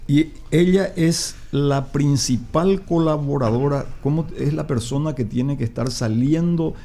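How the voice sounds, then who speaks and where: A man's voice: a little high, measured pace, mellow. A man, a guest explaining his views emphatically in a radio interview, with many hesitations. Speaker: political commentator guest.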